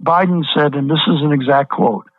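A man's voice: on the high side, steady tone, moderate pace, no echo. A man, a pastor, speaking as a guest in an interview, emphatic and repeating words to press his point. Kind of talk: interview over the phone. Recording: tinny phone line.

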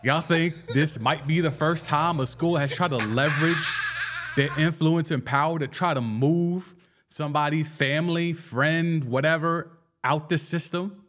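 A man hosting a casual sports podcast, talking in an animated and slangy way and firing off rhetorical questions. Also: fairly high pitch, unhurried. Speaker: podcast host.

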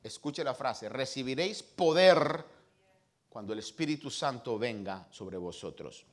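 A pastor delivers a sermon in an expressive, medium-pitched voice, swinging between loud emphasis and hushed tones. When he reads scripture, he does so slowly and emphatically.

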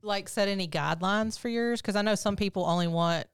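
A woman's voice: mid-range voice, brisk, smooth, no echo, studio quality. A woman co-hosting a podcast in casual conversation. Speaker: podcast co-host.

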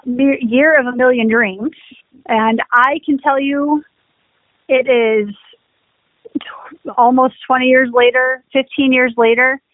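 A woman's voice: on the high side, no room sound. Woman chatting over a tinny line. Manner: chatty, rambling storyteller. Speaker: podcast co-host. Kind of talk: casual chat. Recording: dry, phone-like lo-fi sound.

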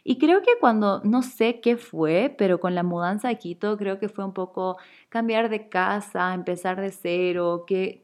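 Young woman from Chile, casual vlog monologue, chatty and candid, medium pitch. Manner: chatty, candid, frequent fillers and laughs.

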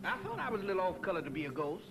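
A jumpy, spooked film sidekick. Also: male voice, high-pitched, racing. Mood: bewildered. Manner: excitable, wailing when scared. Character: jittery, easily spooked male comic sidekick. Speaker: film character Jeff, comic sidekick. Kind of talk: 1940s film acting. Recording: old 1940s film soundtrack with score.

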